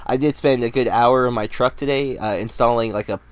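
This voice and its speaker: Here an American man around thirty co-hosts a casual film podcast, speaking at medium pitch and a little fast. He's slightly nasal with a cold, relaxed, and meanders with fillers and false starts.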